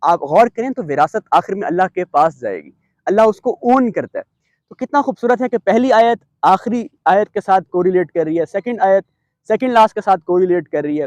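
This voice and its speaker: High-voiced man teaching Quranic structure. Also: a little mellow, no echo. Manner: earnest, mixes English terms into Urdu, recites Arabic verses. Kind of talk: explaining Quranic verse structure.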